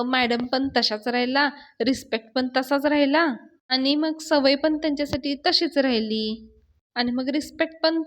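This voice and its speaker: A woman's voice: high voice, pitched above the performer's own voice. A woman voicing a bashful young husband who jokes his way out of questions in a story recap.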